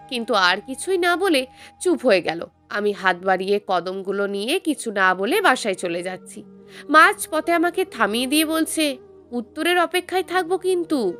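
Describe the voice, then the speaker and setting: Brief: young woman, expressive first-person storyteller, bright high voice with lots of melodic movement, soft music bed. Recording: faint music underneath.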